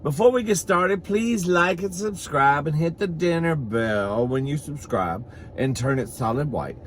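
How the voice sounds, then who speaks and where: A slightly high, animated male voice speaks unhurriedly over slight background noise. He hosts a comedy mukbang vlog, eating while he chats casually to the camera in a campy, sassy, bawdy way, calling listeners "girl" and "honey" and swearing freely.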